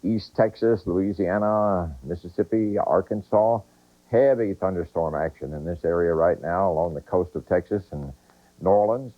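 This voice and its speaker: A weatherman talks through the forecast in a very deep, husky voice, dropping in chatty asides. The sound is thin and phone-like, from old broadcast tape. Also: moderate pace.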